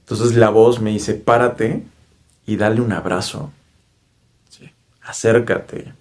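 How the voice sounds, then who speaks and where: A man's voice: fairly low pitch, steady tone, slow, darkish tone. A man with a Mexican accent earnestly recounting a personal spiritual experience, often checking in with his listeners with tag questions. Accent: Mexican Spanish. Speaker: spiritual speaker. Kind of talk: personal storytelling monologue.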